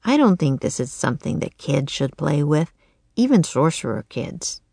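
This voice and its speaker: A woman voicing a sensible, serious young boy speaking calmly. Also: low-pitched, normal speed, gravelly, breathy edge, no echo, exaggerated voice.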